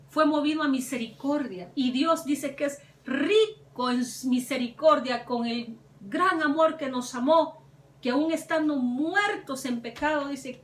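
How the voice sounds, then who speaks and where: A woman preaching a sermon with fervor, her voice climbing on the words she stresses. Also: sits high. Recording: echoey room, mic at a distance.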